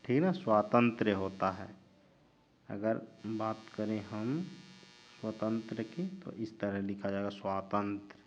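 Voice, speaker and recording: A male teacher giving a spelling lesson, drawing out each word slowly and answering his own questions. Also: fairly low pitch. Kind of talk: spelling lesson while writing on a board. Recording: dull lo-fi recording with mains hum.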